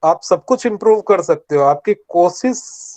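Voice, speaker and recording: His voice sits high, with lively intonation, a measured pace and a darkish tone. This older man from Rajasthan, India, is guest-speaking at an online college workshop, earnestly motivating students and asking for their responses over dull, lo-fi call audio.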